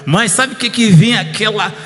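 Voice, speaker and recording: A pastor preaching an informal sermon at a church service, telling a personal story and calling out to the congregation. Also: male voice, sits high, normal speed, a bit bright. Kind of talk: conversational sermon. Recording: long church hall reverb.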